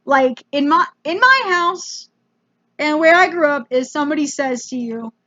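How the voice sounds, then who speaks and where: An American woman telling a comedic travel story in an animated, self-mocking way, with casual swearing. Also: sits high, moderate pace, muffled recording. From United States.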